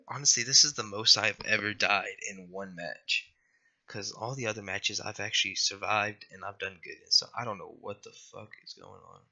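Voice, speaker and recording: A young gaming YouTuber, his voice scratchy after being sick, rambles and apologizes through casual gameplay commentary, packing in lots of fillers. His voice is on the low side with a sharp tone, and the highs are cut off.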